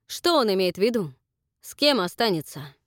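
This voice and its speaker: A woman reading an audiobook, voicing a blunt, demanding adult man who talks gruffly. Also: sits high, sing-song, moderate pace, fairly bright tone, no room sound, clean studio sound. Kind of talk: audiobook character voice.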